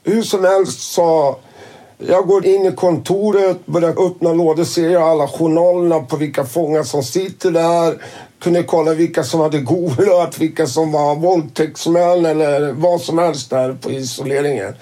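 A man's voice: fairly high pitch, steady tone, warm tone. A man telling his story casually, swearing freely and acting out who said what. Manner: swears freely and acts out quoted dialogue. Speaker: interviewee.

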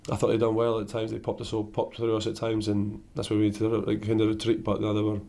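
A man, a caretaker player-manager with a croaky voice, answering post-match questions in a halting way, often repeating words. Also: lowish voice, monotone, mellow, a little hiss or hum.

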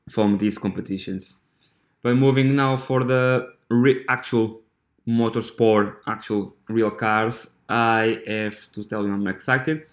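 Hesitant Portuguese-accented man, echoey room. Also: lowish voice. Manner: hesitant, halting, with many fillers and restarts. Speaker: podcast host. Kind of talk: casual monologue.

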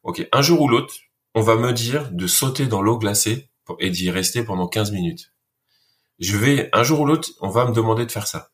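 A former soldier appears as an interview guest, describing harsh military training in a casual, conversational way. His lower-pitched voice has a fairly bright tone and lively intonation, and he speaks earnestly, with frequent pauses, fillers, and restarted sentences.

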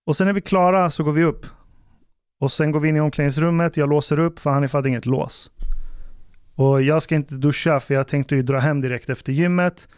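Animated man with a smooth, bright voice. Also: on the high side, no room sound, studio quality. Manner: animated storyteller acting out quotes. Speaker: podcast host. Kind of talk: casual storytelling chat.

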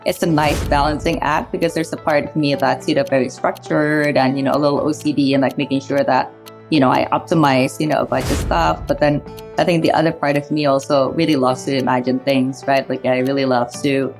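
A woman's voice: very deep voice, level tone, brisk, soft background music. A woman in her forties from Indonesia, an investor talking casually and thoughtfully in an interview, with many "you know" fillers. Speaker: guest, venture capital investor.

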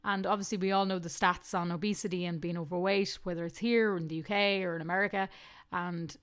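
A woman hosting a podcast, chatty and quick to laugh. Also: on the low side, fairly even intonation. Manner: chatty, warm, laughs often. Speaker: podcast host. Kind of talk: casual podcast chat.

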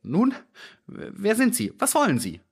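A man's voice: huge pitch swings, unhurried, gravelly, breathy edge, full character voice. A man doing a small, trembling, frightened man. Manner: high, trembling, anxious voice.

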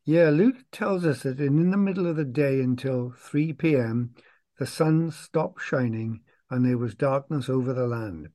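A man's voice: mid-range voice, measured pace, mellow. A man co-hosting a conversational Bible discussion, guiding the talk and leading into the readings. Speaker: Bible study co-host.

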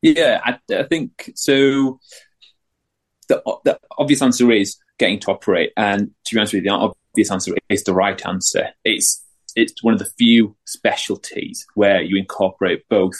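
Low-pitched man. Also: normal speed. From Bradford, England. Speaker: surgical trainee, podcast guest. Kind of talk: casual chat.

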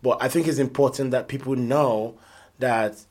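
A man's voice: mid-range voice, fairly even intonation, normal speed, a little mellow. A man, talking earnestly and reflectively as an interview guest. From Nigeria. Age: 50s. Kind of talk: conversational interview.

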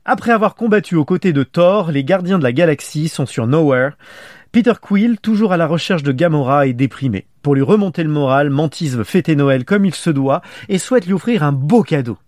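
A man's voice: on the high side, lively intonation, a little fast, darkish tone, no echo, clean studio sound. A man with a French accent hosting a casual film discussion podcast, rambling and self-correcting as he talks. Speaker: podcast host.

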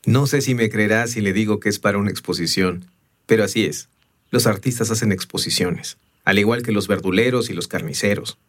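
A man's voice: on the low side, brisk, a bit bright. A man voicing a proud, talkative middle-aged gravestone carver in an audiobook, earnest and matter-of-fact. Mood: boastful. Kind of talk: audiobook character voice.

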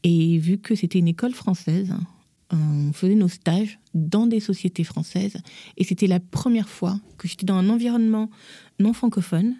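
A woman's voice: medium pitch, normal speed, no echo, studio quality. A young woman from Gabon, a podcast guest, telling her life story with candor and acting out the people she quotes. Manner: lively, acts out quoted voices. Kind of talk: candid personal storytelling.

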